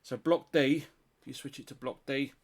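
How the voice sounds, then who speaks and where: Speaking at a normal speed in a mid-range voice, this middle-aged British CB radio hobbyist keeps his intonation fairly even. He's unscripted, working through a casual hands-on demo and voicing his thoughts while he tests.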